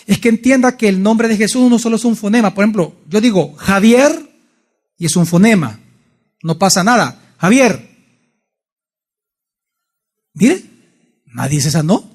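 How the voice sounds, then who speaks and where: A male pastor gives a Bible study sermon in church. His voice sits high for a man, and he keeps stopping to put questions to his listeners. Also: expressive, normal speed. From El Salvador. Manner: asks the congregation frequent questions.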